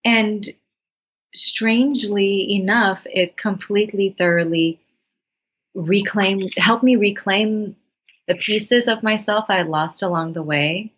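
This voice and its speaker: A woman in her thirties from Bangladesh, a writer and actress, gives a reflective interview in a mid-range voice that's fairly even, slow, a bit bright and slightly rough. She's earnest and thoughtful, restarting often, captured in dull lo-fi sound.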